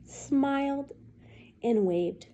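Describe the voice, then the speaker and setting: A woman with a high-sitting voice reads a children's picture book aloud as a teacher. She is expressive and deliberate, pausing to ask young listeners questions.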